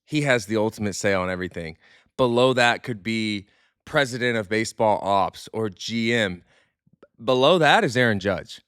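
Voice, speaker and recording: A man with a lowish, smooth, resonant voice talks through a podcast in a loose, candid way. He swears casually and doubles back on his words as he thinks. The sound is dry and close to the mic. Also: animated, normal speed, fairly bright tone, no room sound. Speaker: podcast host, former pro baseball player.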